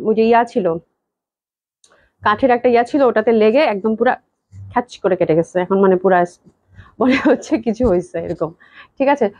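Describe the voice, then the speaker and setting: A woman hosting a live-stream sales pitch for clothing, chatty and gushing, addressing her viewers over and over. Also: darkish tone, no room sound. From Bangladesh. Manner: chatty, repetitive gushing praise, talks to viewers. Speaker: clothing shop seller. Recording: dull lo-fi live-stream audio.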